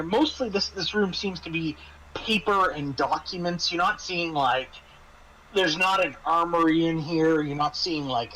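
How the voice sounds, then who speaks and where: Running a tabletop RPG, this game master improvises his narration, frequently restarting and repeating himself. He has a fairly high-pitched, sharp-toned voice, caught on a rough recording with faint noise in the background.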